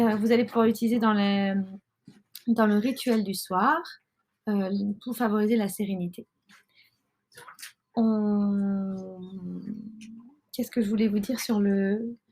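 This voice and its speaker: Woman in her thirties, casual host, halting delivery full of fillers, mid-pitched. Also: a little mellow, slight background noise. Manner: hesitant, many fillers and restarts. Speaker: podcast host and mother. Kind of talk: casual explanatory talk.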